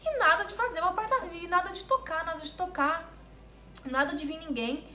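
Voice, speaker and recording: Speaking to her viewers, a vlogger from Brazil recounts something that went wrong on a trip, lively and relaxed, repeating words to stress them. She has a very high voice, talks a little fast, and the echoey room has faint music behind her.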